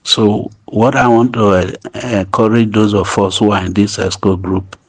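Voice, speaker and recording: A man speaking in a voice message played back to listeners, urging a group to stay calm in a halting way, restarting his phrases. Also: on the low side, slightly rough. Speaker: group leader addressing members. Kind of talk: voice note update to a group.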